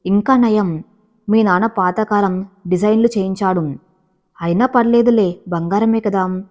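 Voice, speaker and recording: A woman voicing a scheming, sharp-tongued older mother-in-law in a storybook reading, with a sly, smoothly cutting way of talking. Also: medium pitch, steady tone, unhurried, close to an everyday voice. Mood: scornful.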